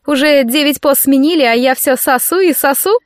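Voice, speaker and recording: A woman's voice: high-pitched, normal speed, dry recording, clean studio sound, voice pushed up, close to an everyday voice. Woman playing a cheeky young female student. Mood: mocking. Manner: snorting, crude joking.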